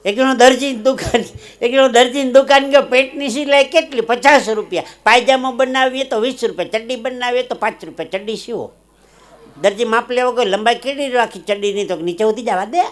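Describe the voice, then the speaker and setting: A man telling comic stories on stage at a live show, and acting out the characters in his jokes in loud, high voices. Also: brisk. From Gujarat, India. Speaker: comedian. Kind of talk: live stand-up storytelling.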